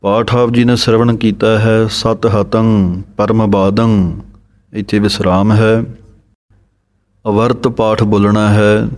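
A man teaching the pronunciation of scripture recitation. He chants each verse slowly, then explains how every word should be said. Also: lowish voice, a little mellow.

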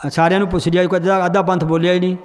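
A man's voice: high-pitched, little pitch movement, racing, long reverb tail, soft background music. A man teaching a group how to read and understand scripture, quizzing the class and then answering himself. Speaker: Gurbani grammar teacher.

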